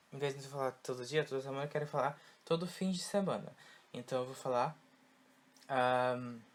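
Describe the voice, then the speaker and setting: A man with a Brazilian Portuguese accent, a native Portuguese speaker, teaching an online English class and drilling words slowly, checking in with "tá?" after each point. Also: medium pitch. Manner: slow, repetitive drilling with frequent "tá?" checks.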